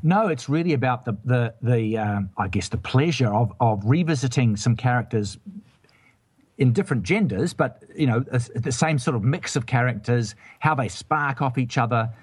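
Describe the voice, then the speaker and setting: A man's voice: mid-range voice, animated, moderate pace, slightly rough, dry recording, studio quality. A man hosting a casual film review chat, rambling and hesitant with many restarts. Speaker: film review show host.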